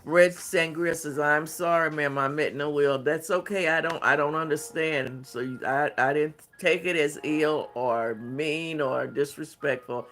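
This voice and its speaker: A man's voice: fairly high pitch, a little slow, hardly any pauses, fairly bright tone, soft background music. A man hosting a craft livestream, reading viewer comments aloud and answering them in a hesitant, thinking-aloud way.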